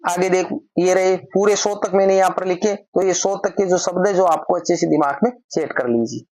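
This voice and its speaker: Steady, explaining male grammar teacher. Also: high voice, fairly quick, dry recording, poor audio. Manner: steady explaining, often repeats step cues. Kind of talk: recorded grammar lesson.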